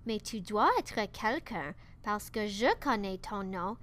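A woman's voice: mid-range voice, takes it slowly, a bit bright. A woman voicing a wise, teasing old owl who asks patient, coaxing questions.

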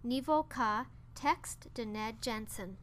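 A woman reading a children's story aloud, slow and careful. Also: a little high, a bit bright. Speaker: narrator.

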